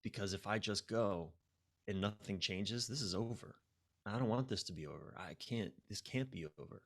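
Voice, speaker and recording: At a moderate pace and lowish pitch, an American man speaks as a podcast guest. He works as a relationship coach and, in a relaxed interview, relates personal stories with candor and self-mockery, playing out his inner voice.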